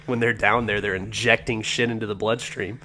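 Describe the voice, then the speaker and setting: A man with a fairly low voice co-hosts a podcast, with faint noise behind him. He banters casually and comically. His talk is boastful and full of swearing. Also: steady tone, brisk, bright, forceful tone. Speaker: podcast co-host.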